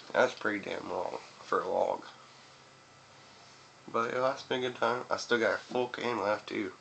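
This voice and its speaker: A young man who reviews videos chats loosely to the camera, swearing and rambling around a mouthful of chewing tobacco. His lowish voice carries vocal fry and a fairly bright tone. It's a noisy webcam-style recording from a small indoor room beside a window.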